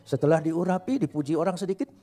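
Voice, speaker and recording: A man preaching a sermon to a congregation, animated, swinging between loud and soft and joking with the listeners. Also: on the high side, quick pace. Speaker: pastor.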